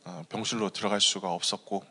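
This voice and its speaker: A man's voice: on the low side, steady tone, fast talker, sharp tone. Earnest male pastor in reverberant hall. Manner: earnest storytelling, many fillers. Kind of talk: sermon with personal story.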